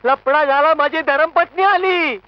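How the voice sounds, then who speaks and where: A man's voice: very high voice, moderate pace, noisy background. An actor playing a timid, panicky young man in a comedy film, flustered and stammering, mixing in Hindi phrases. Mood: panicked. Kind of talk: comic film acting. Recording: dull film audio with loud score.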